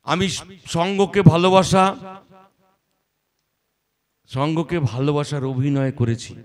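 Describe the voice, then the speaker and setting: A man's voice: a little high, fairly even intonation, slow pace. A middle-aged man with a Bengali accent preaching a sermon at a religious gathering, exhorting with rhetorical questions and stories. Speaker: speaker at a religious assembly.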